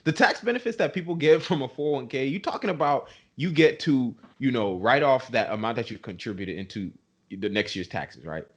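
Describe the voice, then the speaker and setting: A man's voice: medium pitch, animated, fairly quick, husky. Fired-up young man ranting on a podcast. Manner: emphatic, ranting, says "bro" often. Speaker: podcast co-host. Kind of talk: passionate podcast rant.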